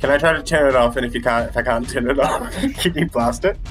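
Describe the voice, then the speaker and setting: A man's voice: mid-range voice, fast, a bit bright, faint music behind. A man casually playing a tabletop game, hesitant and full of fillers. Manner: hesitant, full of ums and likes. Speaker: player.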